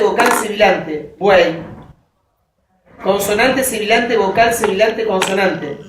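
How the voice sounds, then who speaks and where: A woman lecturer walks through her material at an unhurried pace, spelling things out one step at a time. Her voice carries the echo of a classroom and sounds picked up from some distance away. A faint hiss sits under the recording. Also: medium pitch. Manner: slow, methodical, checks in with students. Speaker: university lecturer. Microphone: distant recorder in the room. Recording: echoey classroom recording from afar.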